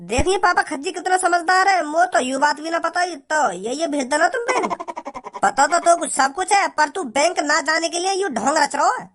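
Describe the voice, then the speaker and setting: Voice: very high voice, animated, normal speed, fairly bright tone. A performer doing a teasing cartoon brother. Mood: mocking.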